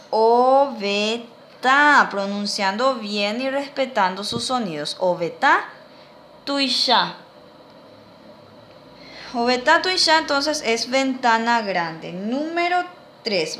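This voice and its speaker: A middle-aged woman, teaching a language lesson to children, speaking slowly and carefully and repeating words for pupils to echo. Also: fairly high pitch, a bit bright, a little hiss or hum.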